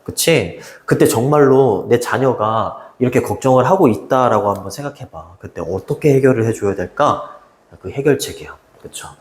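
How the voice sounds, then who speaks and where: A man teaches a high school English lesson in a lively voice that rises and falls a lot. He talks in a chatty way and keeps checking in with the class. The room gives his voice a noticeable echo. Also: normal speed. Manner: lively, chatty, keeps asking students "right?".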